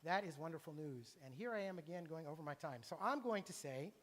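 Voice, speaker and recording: A man's voice: fairly high pitch, expressive, brisk. A middle-aged man preaching a sermon in a church, earnest and confessional, talking in a conversational way. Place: church sanctuary. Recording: long reverb of a church hall.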